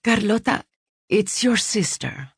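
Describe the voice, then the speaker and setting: A woman's voice: medium pitch, expressive, takes it slowly, slightly rough, dry recording, clean studio sound, pitched above the performer's own voice, heavily acted. A woman narrator voicing a wary, serious woman who calls her estranged sister. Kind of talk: audiobook character voice.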